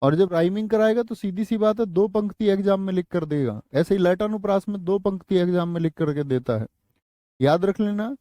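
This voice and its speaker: A man teaching an online exam-prep class in Hindi with a North Indian accent. His voice sits high but has a mellow, dry tone, close and free of room sound. He drills each line slowly and repeats it, then drops into chatty asides to his students. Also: no room sound. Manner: slow, repeats phrases for dictation; addresses students with casual asides.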